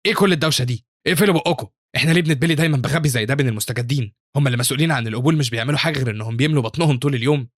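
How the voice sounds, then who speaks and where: A man's voice: medium pitch, racing, no echo, studio quality, close to an everyday voice. A man with an Egyptian Arabic accent voicing a harsh, angry male academy teacher who barks out scorn. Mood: scornful. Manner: scornful, barking.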